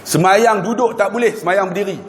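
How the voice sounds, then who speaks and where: A man delivers an animated storytelling sermon, jumping between loud exclaims and hushed asides as he acts out voices. His voice sits a little high. The sound is echoey, with a long reverb from a large mosque hall. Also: a little fast. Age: 40s. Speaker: preacher.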